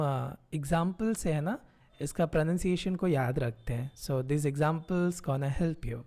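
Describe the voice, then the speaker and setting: Slow, low-voiced woman teaching. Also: dark tone. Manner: patient, often checks in with "ठीक है?"; mixes Hindi and English. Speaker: language teacher. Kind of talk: online tutorial lesson.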